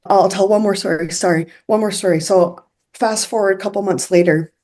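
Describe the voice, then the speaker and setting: A young woman with a medium-pitched, dark voice tells a personal story casually, speaking steadily and a little fast. Earnest and confiding, she's chatty and fills her speech with "like" and "I'm like."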